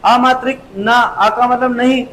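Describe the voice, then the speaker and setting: A male teacher giving an exam-prep grammar lesson, explaining step by step, repeating key terms and drawing sounds out slowly. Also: very high-pitched, flat delivery, fairly bright tone, slight background noise, low-quality recording.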